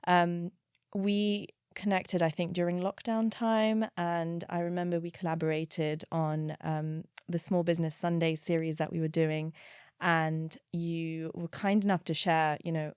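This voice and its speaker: A woman's voice: on the low side, little pitch movement, a little slow, a little mellow, smooth, dry recording. Reflective woman podcast host, dry sound. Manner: reflective, meandering, thinks aloud. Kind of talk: conversational interview.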